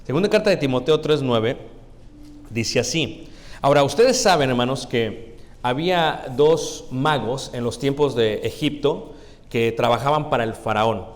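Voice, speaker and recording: A man's voice: medium pitch, lively intonation, unhurried. A man from Mexico, preaching a conversational sermon and speaking directly to the congregation as his brothers, asking them questions. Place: church sanctuary. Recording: long hall reverb in a church.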